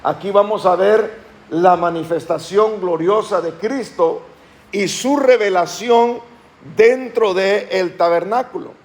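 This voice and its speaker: A man preaching a sermon as pastor of his church, slowing down and lifting his voice when he reads scripture aloud, and calling on the congregation to respond. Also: high voice. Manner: asks the congregation questions and calls them to respond.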